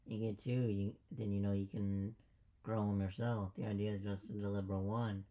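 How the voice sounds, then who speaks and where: A man's voice: on the low side, little pitch movement, moderate pace, warm tone. A man acting as game master, casually narrating and explaining a tabletop game.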